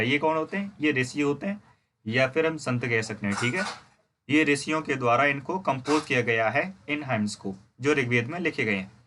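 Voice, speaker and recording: A man teaching a history lesson in Hindi. He reads English lines slowly, explains them, and asks and answers his own questions. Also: a little high, bright, forceful tone, slight background noise. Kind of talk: classroom lecture explaining a textbook.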